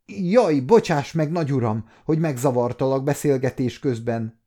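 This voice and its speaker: A man playing a loud scolding cook woman. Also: on the high side, sing-song, voice pushed up. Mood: flustered. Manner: loud and sharp, then flustered.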